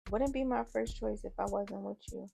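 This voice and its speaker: A woman's voice: medium pitch, moderate pace, gravelly, warm tone, slight background noise. A woman voicing a shy teenage boy. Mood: bashful.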